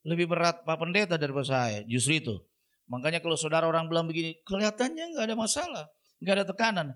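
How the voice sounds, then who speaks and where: A man's voice: extremely high pitch, bright, forceful tone. A male pastor preaching a sermon, emphatic and repetitive, addressing the congregation directly. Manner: repeats catchphrases, emphatic preaching.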